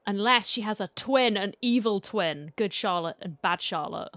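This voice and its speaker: Over faint game music, a woman with a medium-pitched, animated, fairly bright voice gives casual playthrough commentary on a story game, reading choices aloud and tossing in wry asides. She speaks at a moderate pace with no echo.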